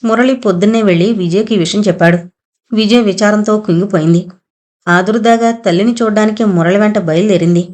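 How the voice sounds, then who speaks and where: A woman reading an audio novel aloud, narrating in a steady, even storytelling manner. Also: mid-range voice, quick pace.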